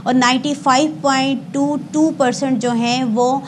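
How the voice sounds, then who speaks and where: A woman with a very high voice and a Pakistani accent answers interview questions as an emergency service spokesperson, explaining statistics in Urdu mixed with English. Her tone is steady and formal, though she pauses and corrects herself at times. Faint noise can be heard behind her.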